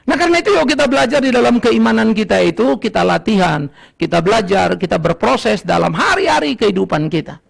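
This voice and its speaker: Lively, gravelly-voiced older man preaching. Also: brisk. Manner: lively, swings between loud outbursts and low asides, laughs often. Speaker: pastor. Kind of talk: sermon. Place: church hall.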